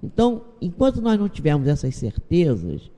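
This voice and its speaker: A Brazilian man, a doctor, speaking as an interview guest and telling anecdotes calmly, acting out the dialogue in them. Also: on the high side, brisk. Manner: storytelling, acts out dialogue from anecdotes. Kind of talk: calm spiritual interview talk. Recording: long reverb on the voice.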